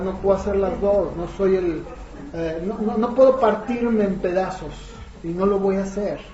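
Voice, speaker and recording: A man's voice: high voice, mellow, a little hiss or hum. A man preaching a conversational sermon, often asking the congregation rhetorical questions. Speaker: pastor. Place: church hall. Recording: echoey, dull lo-fi church room recording.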